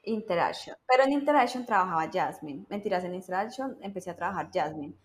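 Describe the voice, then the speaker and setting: A woman's voice: lowish voice, fast talker. A young Colombian woman casually recounting her early work experience, animatedly acting out the lines of people in her story. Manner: animated, acts out quoted dialogue. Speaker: webcam model guest.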